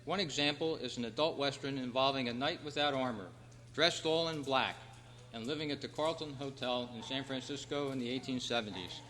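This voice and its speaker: Soft music plays in the background as a man with a mid-range voice, fairly quick and pushed and bright, hosts a live quiz and makes club announcements. He's addressing a room at a convention, and the hall rings with long reverb.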